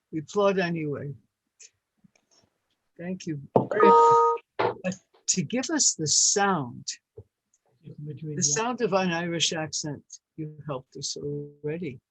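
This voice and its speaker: A woman hosting a literary evening over a video call, introducing speakers in halting phrases. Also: low voice, husky, low-quality recording. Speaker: host.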